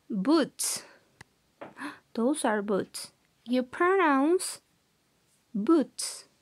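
A young woman teaching an English vocabulary lesson, modelling each word's pronunciation slowly and clearly, switching between English and Spanish. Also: high voice. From Colombia. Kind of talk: recorded classroom lesson.

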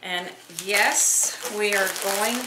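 A woman's voice: mid-range voice, steady tone, extremely slow. A middle-aged woman vlogging a casual snack taste test, chatty and homey, thinking aloud as she goes. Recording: echoey room with clear noise.

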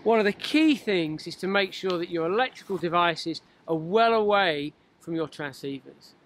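A middle-aged man, a mountain guide giving clear, upbeat instructions outdoors. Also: high voice, expressive, moderate pace, fairly bright tone.

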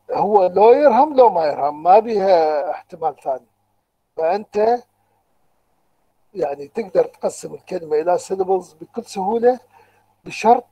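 A male lecturer with an Iraqi Arabic accent speaks in a high, dark-toned voice, patiently walking through material step by step and putting questions to the class. It's an online university lecture picked up on a computer microphone, and the audio quality is poor.

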